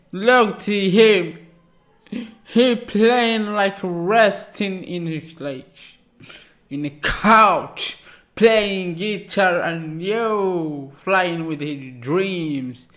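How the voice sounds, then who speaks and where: A man in his thirties from Algeria hosts a casual music reaction channel, speaking excitable, halting English with an Algerian accent, fairly high pitch, and frequent restarts. He sits in a small room with a dark blue backdrop, close to a studio mic just in front of his face, while faint guitar music plays behind him.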